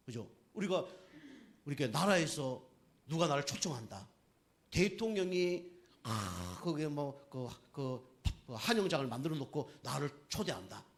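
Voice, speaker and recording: A middle-aged man preaching a sermon as pastor, keeps checking in with the congregation with quick questions. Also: fairly high pitch. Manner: lively preaching, constantly asking the congregation "right?".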